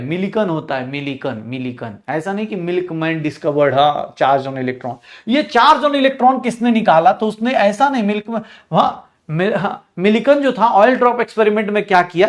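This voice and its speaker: Indian guy teaching chem online, pretty high voice, teasing and scolding the class. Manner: animated, scolding and joking with students. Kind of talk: online chemistry lecture.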